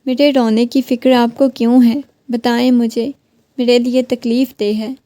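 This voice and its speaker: Heartbroken young wife, pleading over n over, woman reading her part, mellow voice. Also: fairly high pitch, level tone, dry recording, close to an everyday voice. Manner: pleading, questioning.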